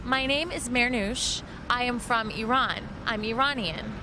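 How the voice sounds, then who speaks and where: A woman playing a tourist who gives calm, short, careful answers to a reporter for an English lesson. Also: fairly high pitch, measured pace, natural voice. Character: woman tourist keen on politics. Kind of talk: scripted English lesson dialogue. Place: outdoors in a city. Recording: outdoor street noise, voice set back.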